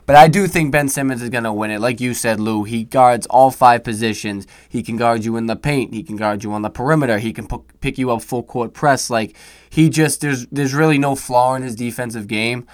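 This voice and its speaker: A young man with a mid-pitched voice talks through his award picks in an easygoing way. The recording is close and dry, with no room sound. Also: a little fast, no room sound. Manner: agreeable, many "you know what I mean". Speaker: podcast co-host. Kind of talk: casual sports chat.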